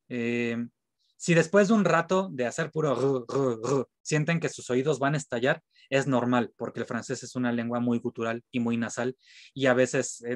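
A man teaching an online class through his computer mic. He explains patiently, sounding out letters slowly and repeating each one. His mid-range voice comes through close and dry, with no room echo. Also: mid-range voice. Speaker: French teacher.

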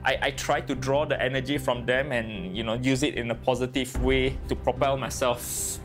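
A man from Malaysia in his thirties, a triathlete talking in a documentary interview, relaxed and a bit hesitant, with easy laughs. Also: mid-range voice, moderate pace. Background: music.

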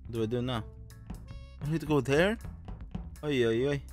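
A man's voice: medium pitch, normal speed. A man talking casually over online game voice chat, muttering to himself as he plays. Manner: mutters to himself while playing. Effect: heard over online game voice chat. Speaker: gamer. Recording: background game music.

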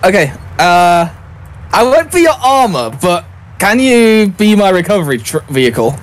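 A man's voice: high-pitched, very animated, normal speed. A man chatting casually with friends on voice chat during an online game, joking and theatrically complaining. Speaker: guest gamer.

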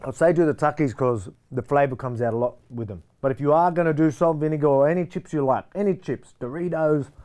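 A man's voice: a little high, fast, few pauses, a little mellow. Blunt Australian man cooking on camera. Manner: blunt, swears freely, laughs at his own jokes. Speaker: cooking show host. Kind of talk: casual cooking chat. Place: studio set with shelves of collectibles.

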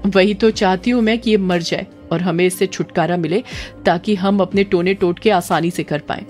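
A woman's voice: lowish voice, fairly even intonation, normal speed, darkish tone, natural voice. A woman voicing Rajni, a cruel scheming older witch, mocking and menacing, over faint music. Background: faint background music.

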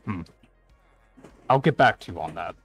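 A man's voice: deep voice, expressive, normal speed, husky, faint music behind. A man playing a game and bargaining in casual improvised role-play, with a hesitant, understated manner.

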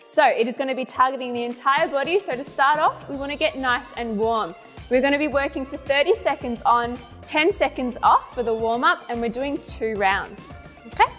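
A young female fitness instructor leads a guided home workout, giving encouraging cues and counts while demonstrating the moves. Her voice sits high and a bit bright, at normal speed. Music plays behind her in a long, reverberant room.

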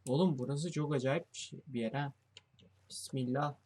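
A young man with a husky, darkish, mid-range voice at normal speed does let's play commentary on a horror game. He's jumpy and swears as he thinks aloud to his viewers.

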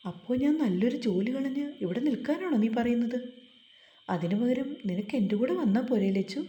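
A woman's voice: fairly high pitch, expressive, a little fast, warm tone, roomy sound, lightly acted. Woman reading as a teasing young husband. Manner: teasing, tender. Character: playful affectionate young husband.

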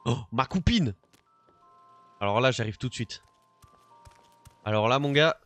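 A man's voice: mid-range voice, lively intonation, measured pace, a bit bright, soft background music. Sarcastic man joking over a game. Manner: joking, sarcastic and crude, talks back to the characters. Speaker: let's play gamer. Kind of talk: let's play commentary.

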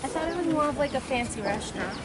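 A young woman chats in a soft, offhand way off to the side of the camera. Her voice is high, and a loud crowd murmurs around her. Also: lively intonation, fast. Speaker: travel companion. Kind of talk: casual chat.

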